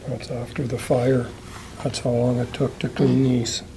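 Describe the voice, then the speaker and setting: A woman's voice: very deep voice, little pitch movement, a little slow, vocal fry, mellow, a little hiss or hum, poor audio. A woman visitor chatting casually, with interested questions and short reactions. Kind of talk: casual chat.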